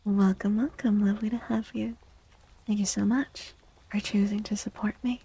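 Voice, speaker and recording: A woman livestreams a soothing ASMR tarot reading in a soft, breathy voice of medium pitch, often whispering. Her tone stays steady as she reassures gently and without haste. The recording is rough.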